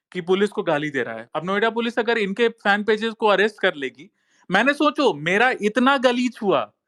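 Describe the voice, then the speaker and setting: A man's voice: high voice, a bit bright. A man giving a heated monologue in an online talk space, insistent and repetitive, often calling listeners brother. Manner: insistent, repeats phrases and says "bhai" often. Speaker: social media commentator.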